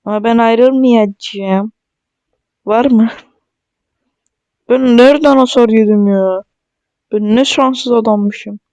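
A man giving casual, excitable gameplay commentary, joking and talking straight to his viewers. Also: very high-pitched, takes it slowly, pauses often, clear, resonant tone, no echo, lo-fi sound. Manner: chatty and excitable, jokes and talks straight to viewers. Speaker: mobile gaming streamer.

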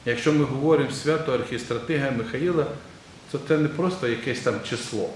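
An Orthodox metropolitan, a man with a mid-range voice and slightly quick delivery, preaches a sermon in a large church, quizzing the congregation conversationally. The recording is very echoey, with faint ambient noise.

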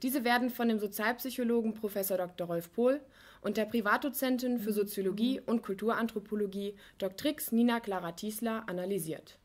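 A woman narrating a documentary piece in a clear, formal reading style. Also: medium pitch, brisk. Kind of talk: scripted narration.

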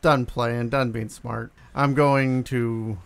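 A man talks casually at a tabletop game, explaining his character's actions. His voice sits in a middle register and has plenty of fry in it. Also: mid-range voice, steady tone, takes it slowly.

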